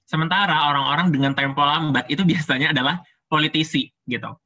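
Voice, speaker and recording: A man's voice: a little high, fast, pushed and bright. A man, a public speaking coach giving a casual, chatty lesson step by step. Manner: chatty, explains step by step with frequent fillers.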